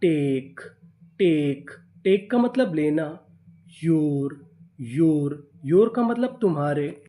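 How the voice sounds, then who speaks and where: A man's voice: a little high, expressive, extremely slow, mellow. A man teaching English reading in Hindi, spelling out each word letter by letter and asking and answering his own questions.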